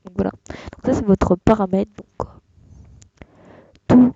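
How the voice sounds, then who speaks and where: Young tutorial host, gravelly and mellow, hesitant delivery, dull dry desktop mic sound. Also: medium pitch, fairly even intonation, slow, no room sound. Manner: hesitant, many fillers and restarts. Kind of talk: casual screen-recorded tutorial.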